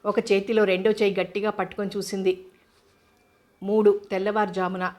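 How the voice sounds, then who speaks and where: A woman narrating an audiobook novel in an even, steady reading voice. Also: mid-range voice, normal speed.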